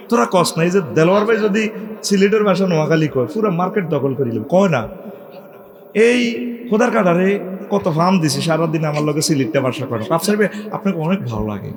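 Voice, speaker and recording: Guy preaching to a crowd, fairly high voice, jokes around, sings bits. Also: long reverb tail. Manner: joking, calls out to crowd, sings phrases. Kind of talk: humorous sermon.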